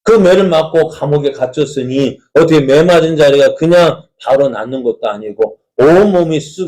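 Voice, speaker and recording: A man preaching from the pulpit in a relaxed, talk-like way. He keeps putting questions to the congregation. His voice is mellow and warm, at an ordinary middle pitch. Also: rough recording. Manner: conversational preaching, asks the congregation many rhetorical questions. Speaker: pastor. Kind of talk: sermon.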